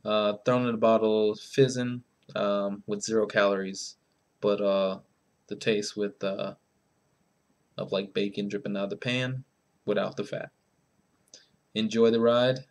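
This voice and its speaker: A man with a fairly low voice introducing an act as host. He talks casually and rambles, stopping often on fillers. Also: little pitch movement, unhurried, pauses often. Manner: rambling, full of filler words. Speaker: show host.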